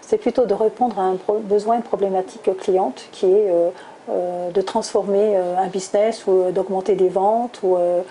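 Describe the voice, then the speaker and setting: Guest, middle-aged woman, warm and mellow, hesitant and reflective. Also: mid-range voice, fairly even intonation, moderate pace, slight background noise, poor audio. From France, southwest (Toulouse). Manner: thoughtful, many hesitations with "euh". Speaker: guest, recruiter. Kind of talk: interview answers.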